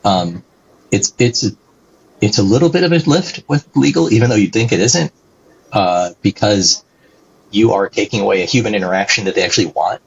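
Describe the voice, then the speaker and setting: Speaking a little fast in a lowish, creaky, slightly rough voice, a company executive answers interview questions as a guest. His explanations are animated and peppered with "right?", captured on a dull lo-fi recording.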